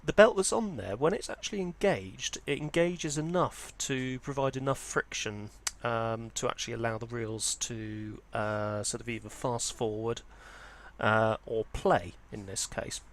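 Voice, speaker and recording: Speaking a little slowly in a mid-range voice, the presenter of a vintage audio hobby channel offers an unscripted, casual walkthrough. His explanations are tentative and full of hedges.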